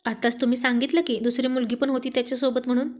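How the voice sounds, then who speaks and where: A woman reading a story aloud and voicing a jealous, quick-tempered young husband who blusters irritably. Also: high voice, flat delivery, natural voice. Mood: irritated.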